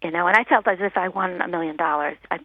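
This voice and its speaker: A woman's voice: lowish voice, fast talker, no echo. A woman medium speaking as an interview guest, earnest and reassuring, often saying "you know". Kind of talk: phone-in interview. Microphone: telephone. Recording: narrow telephone line.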